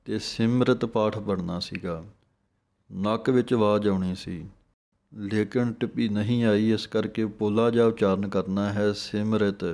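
A man teaching correct scripture pronunciation, slowly chanting each line and then explaining how each letter and sound should be spoken. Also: on the low side, darkish tone. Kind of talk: slow recitation lesson with explanations.

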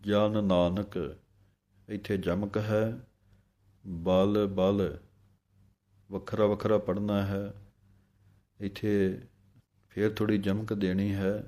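Low, mellow-voiced man teaching recitation. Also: little pitch movement. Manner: alternates slow chanted recitation with quicker spoken explanation. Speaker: scripture pronunciation teacher. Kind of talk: recitation lesson.

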